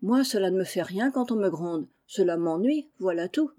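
A woman's voice: medium pitch, lively intonation, normal speed, dark tone, lightly acted. A woman voicing a haughty, selfish young girl with a disdainful manner. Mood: piqued. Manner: piqued and disdainful.

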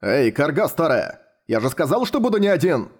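A man's voice: mid-range voice, animated, brisk, close to an everyday voice. A man voicing a brash, protective young adventurer in an audiobook. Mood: exasperated. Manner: loud, exasperated.

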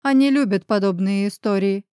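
A woman's voice: mid-range voice, moderate pace, mellow, clear, resonant tone, no room sound, clean studio sound, natural voice. A woman voicing a brash, sarcastic male lawyer friend in an audiobook. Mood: mocking. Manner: mocking, ironic.

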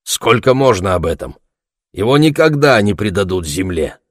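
A man voicing a lean, stubborn male shepherd of about sixty, who speaks bluntly and forcefully. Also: fairly low pitch, big pitch swings, moderate pace, dry recording, studio quality.

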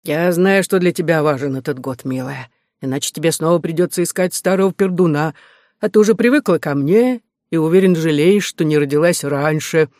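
A man reading the part of a lonely, humorous old widowed uncle in an audiobook, in a reminiscing, gently teasing manner. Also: a little high, brisk, no echo, studio quality, close to an everyday voice.

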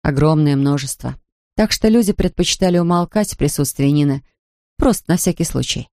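Calm audiobook narrator, dry close sound. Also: mid-range voice, brisk, no room sound. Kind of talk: scripted narration.

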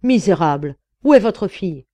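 A woman voicing a decisive male detective giving crisp orders in an audiobook. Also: lowish voice, lively intonation, normal speed, mellow, no room sound, close to an everyday voice. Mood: commanding. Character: sharp, commanding male detective.

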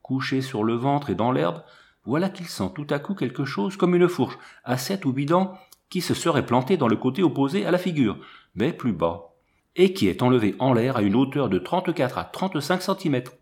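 A man's voice: medium pitch, sing-song, moderate pace, a little mellow. A man reading an audiobook and voicing a plain-spoken, drily skeptical young French soldier. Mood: storytelling. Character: earthy, wary young male French soldier.

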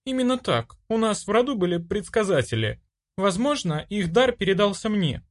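A man's voice: sits high, sing-song, moderate pace, voice pushed up. A man voicing a brash, self-assured young woman in an audiobook, bossy and pushy. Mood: insistent.

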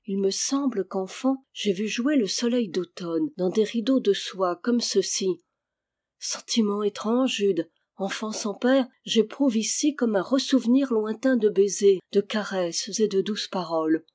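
Calm woman reading a classic novel. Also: medium pitch, a little slow. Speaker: audiobook reader. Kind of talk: audiobook narration of a classic novel.

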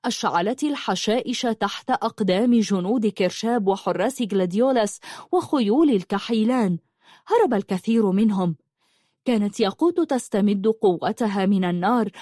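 A woman's voice: mid-range voice, no echo. Woman narrating a story, dry sound. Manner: steady, dramatic storytelling. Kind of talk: audiobook narration.

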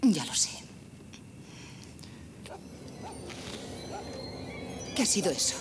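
A woman's voice: on the low side, big pitch swings, fast talker, whispered, music in the background. An actress dubbing a volatile married woman in a film drama, sly and bitterly resentful, with theatrical intensity. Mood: sly teasing. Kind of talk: dubbed film drama acting.

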